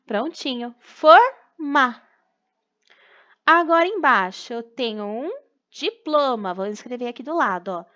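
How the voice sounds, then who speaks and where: A young woman teacher with a Brazilian Portuguese accent patiently sounds out syllables for young children in a recorded remote class. Her voice is a little high, pushed and bright, with lively intonation and a moderate pace. The audio is dull.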